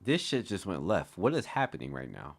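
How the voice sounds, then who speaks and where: Excitable man streaming a reaction. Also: low voice, a little fast, vocal fry, breathy edge. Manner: excitable, swears often, talks back to chat. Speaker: streamer reading a web novel aloud.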